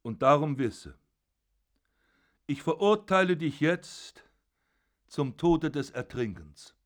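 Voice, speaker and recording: Man voicing a wrathful old father, shouting, mocking, triumphant, audiobook. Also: a little high, moderate pace, voice pushed up, close to an everyday voice. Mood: condemning. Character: raging old father passing judgment.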